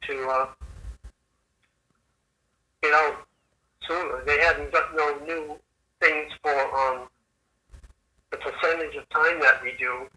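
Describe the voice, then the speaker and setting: An older man talks casually over a telephone line, halting and repeating words. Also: on the high side, fairly even intonation, bright, forceful tone. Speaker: father calling his family. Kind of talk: casual phone conversation.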